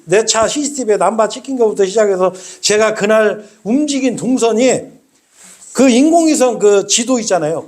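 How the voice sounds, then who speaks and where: A middle-aged man preaching a sermon as a pastor, talking in an animated way and acting out voices. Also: high voice. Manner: animated, acts out quoted voices.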